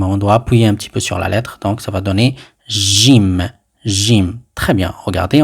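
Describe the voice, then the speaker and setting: Male language teacher, low gravelly voice, very slow and patient, repeats sounds for beginners. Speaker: Arabic teacher. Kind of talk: teaching lesson.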